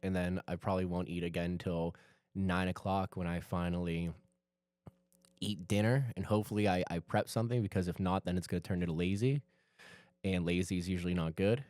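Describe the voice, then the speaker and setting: A man's voice: low voice, steady tone, brisk, darkish tone, no room sound. A man co-hosting a casual group podcast, joking and self-mocking as he talks. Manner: laughing, self-mocking, loose. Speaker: podcast co-host.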